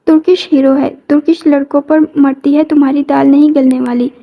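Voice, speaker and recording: A woman voicing a cheeky, sharp-tongued young female student in a novel reading. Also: high voice, little pitch movement, dull audio. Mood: teasing. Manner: teasing, quick retorts.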